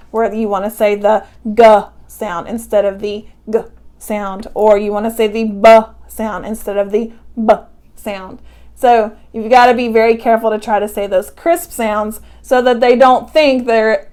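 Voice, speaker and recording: A woman with a Texan accent walking teachers through a phonics lesson in a friendly, explanatory way. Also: fairly high pitch. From Texas, US. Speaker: teacher and curriculum presenter. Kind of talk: instructional walkthrough.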